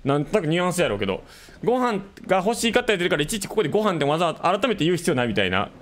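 A man with a Kansai accent talks casually on a live stream, gushing and laughing as he reacts. His voice sits a little high and swings widely in pitch. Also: big pitch swings, very fast. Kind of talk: casual chat reacting to a video.

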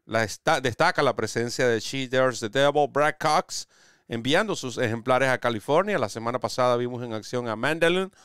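A man hosting a horse racing analysis show on a video call, wearing a headset, with a lively presenter delivery. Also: mid-range voice, moderate pace, clean tone, no echo, clean studio sound. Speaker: host.

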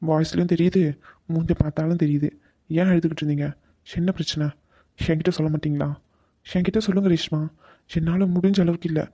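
An earnest young cartoon fiancé, voiced by a man, who pleads and gets easily flustered. His voice is high for a man, with a soft, mellow tone. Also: dry recording. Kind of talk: cartoon voice acting.

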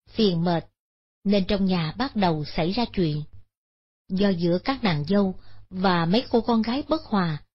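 A woman narrating a Buddhist moral story in a steady, solemn manner. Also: mid-range voice, husky. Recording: dull lo-fi recording.

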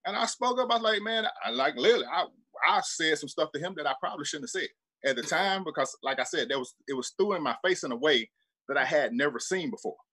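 This Southern-accented guest on a sports talk show is an ex-football player from Birmingham, Alabama. He speaks quickly in a higher, slightly rough voice, spinning profane, rambling anecdotes full of "like" with plenty of animation.

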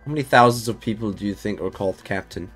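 A man's voice: lowish voice, fast talker, fairly bright tone, husky, faint music behind. A man casually chatting with viewers while streaming a game, loose and talkative, swearing and laughing now and then.

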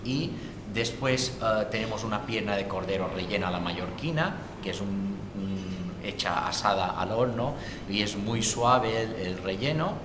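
A man's voice: on the low side, moderate pace. A man in his forties, a restaurant owner, answering interview questions in a restaurant dining room, hesitant with many fillers as he lists the dishes. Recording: echoey room with steady background noise.

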